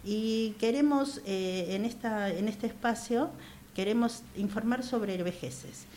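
A woman in her sixties with an Argentine accent, speaking earnestly as a radio interview guest, repeating phrases and pausing to hesitate. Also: on the high side, mellow, slight background noise. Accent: Argentine Spanish. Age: 60s. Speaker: guest, activist for older women.

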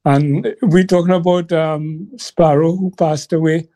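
Earnest Trinidadian man reminiscing slowly. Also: on the high side, fairly even intonation, warm tone. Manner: slow, earnest storytelling. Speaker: guest musician. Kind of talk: reminiscing interview answer.

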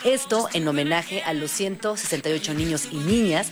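A woman's voice: sits low, fairly quick, over music. A woman, co-hosting radio news and reading items in a conversational way. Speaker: radio co-host.

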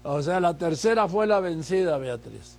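A man's voice: a little high, expressive, normal speed, creaky, darkish tone. A man interviewing a politician, asking pointed, probing questions.

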